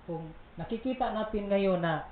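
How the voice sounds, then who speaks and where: A man's voice: high voice, normal speed. A man co-hosting a casual religious talk program, explaining at length with asides and laughs. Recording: roomy, tinny phone-like sound with faint noise.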